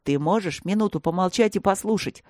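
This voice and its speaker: Woman doing a low grumpy arrogant young guy, curt clipped lines. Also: fairly quick, a little mellow, dry recording, clean studio sound, natural voice. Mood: curt irritated. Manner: clipped, grumbling.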